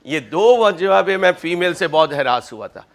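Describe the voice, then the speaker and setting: A man's voice: high voice, animated, a little slow. A man lecturing on accounting, mixing jokey personal stories with worked examples and calling his students "kids". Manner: chatty, joking, addresses students as kids. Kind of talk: classroom lecture with personal anecdotes.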